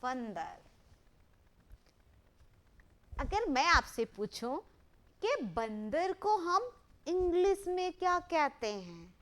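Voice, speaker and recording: A woman teaching a lesson to young children, asking questions and having the class repeat words after her in drawn-out call and response. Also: sits high, sing-song.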